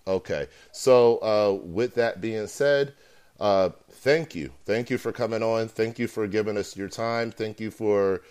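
A male host of a live talk show with a somewhat low, smooth voice. He talks hesitantly and fills his pauses with ums and uhs. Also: a little mellow.

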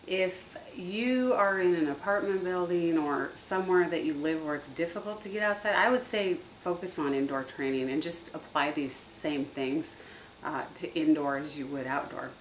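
Low-voiced woman chatting in an echoey room. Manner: chatty, repetitive, many fillers. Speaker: dog owner vlogger. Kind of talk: casual how-to talk. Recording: echoey, distant from the mic, faint hiss.

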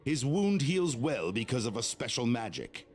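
A man's voice: mid-range voice, big pitch swings, moderate pace, a little hiss or hum, natural voice. Man playing swooping mock-biblical warrior hero. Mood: courteous, bold. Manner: mock-archaic, quasi-biblical courtly speech. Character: armoured male warrior hero, courteous and bold. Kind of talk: scripted fantasy game dialogue.

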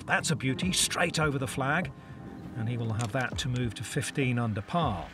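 A man giving measured, understated golf commentary for a television highlights show. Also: lively intonation. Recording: music behind the voice. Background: music.

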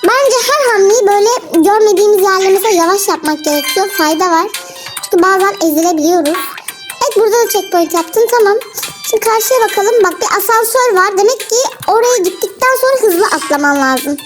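A young mother giving casual gameplay commentary to her viewers, coaching and calming her child with a chatty manner and frequent laughter. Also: very high-pitched, fairly quick. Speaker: mother coaching her child through a game, channel host. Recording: clear game music underneath. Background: game music.

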